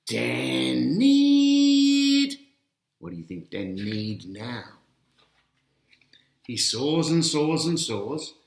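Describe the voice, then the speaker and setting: Reading his own picture book aloud to children, a man with a lowish, expressive voice goes slowly and pauses often, asking his young listeners questions and drawing out each reveal. Soft music plays in the background, and the roomy recording echoes.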